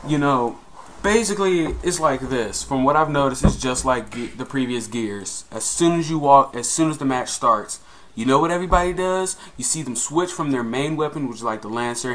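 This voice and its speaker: A man's voice: medium pitch, sharp tone, a little hiss or hum. A man co-hosting a casual gaming podcast, rambling and swearing as he talks. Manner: rambling and profane. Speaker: podcast co-host.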